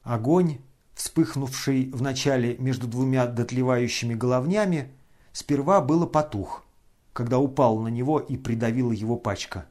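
A man reading a classic novel aloud as an audiobook narrator, in measured, expressive storytelling. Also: medium pitch.

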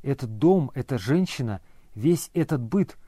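A man reading a novel aloud and voicing an energetic, resolute grown man who speaks urgently and insistently to an old friend. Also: medium pitch, unhurried, dry recording, clean studio sound. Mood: insistent, concerned.

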